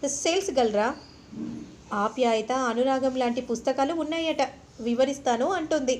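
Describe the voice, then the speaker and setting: A woman's voice: sits high, moderate pace, close to an everyday voice. A woman voicing a stern middle-aged mother. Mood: firm. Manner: firm, dismissive.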